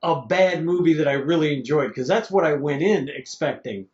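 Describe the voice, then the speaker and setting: A man's voice: fairly high pitch, expressive, moderate pace, darkish tone. A man casually chatting as a podcast co-host reviewing an old movie, rambling and chuckling, tripping over names. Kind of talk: casual chat. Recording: dull lo-fi podcast audio.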